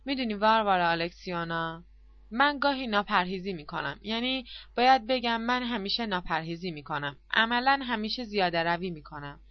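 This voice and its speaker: A bashful, flustered old man, voiced by a woman reading an audiobook, who stumbles over his words and trails off in a soft, halting way. The recording is dry and slightly muffled, with little room sound. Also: medium pitch, expressive, dry recording, natural voice. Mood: sheepish, confessing. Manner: hesitant, sheepish, faltering.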